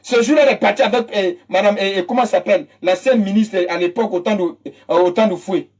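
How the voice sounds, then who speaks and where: A fast-talking Ivorian political commentator, medium in pitch with a darkish tone, launches into an impassioned monologue. It's emphatic and mocking, with phrases repeated for effect, all in an Ivorian French accent.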